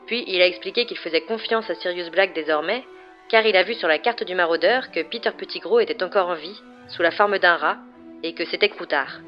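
A woman reading a chapter aloud as a bedtime story for a web radio show, in a chatty, steady way. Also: fairly low pitch, brisk, muffled recording, soft background music. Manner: chatty recap, then steady narration. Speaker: radio reader.

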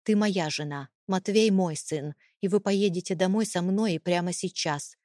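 A woman's voice: on the low side, normal speed, darkish tone, no room sound, clean studio sound, close to an everyday voice. A woman reading an audiobook, voicing a cold, contemptuous, domineering husband with a mocking, menacing manner. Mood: cold menace.

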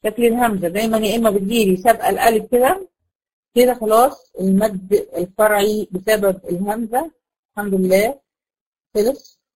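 A woman's voice: mid-range voice, a little fast, a little mellow, rough recording. Egyptian woman, tajweed teacher; patient, asks the class questions and answers them herself; stretches out example words. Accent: Egyptian Arabic. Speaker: Quran recitation teacher. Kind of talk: online tajweed lesson to a class of girls.

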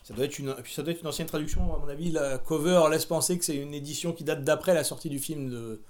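Man, podcast host, expressive novel reading, slightly high voice. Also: quick pace.

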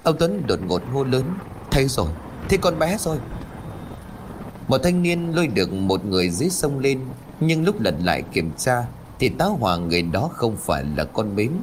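A man reading a ghost story audiobook aloud, voicing each villager with his own shifts of pitch and pace. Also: sing-song, brisk, hardly any pauses, slight background noise. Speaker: audiobook narrator.

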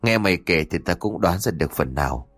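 A man's voice: low-pitched, animated, a little fast, fairly bright tone, dry recording, soft background music. A man doing a wise old village elder. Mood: knowing. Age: 70s.

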